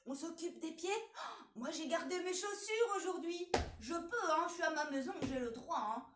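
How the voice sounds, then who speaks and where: A woman hosting a children's music show from her home, playfully leading a warm-up and talking straight to the young viewers. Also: extremely high pitch, moderate pace, roomy sound, noisy background. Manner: playful, addresses children directly.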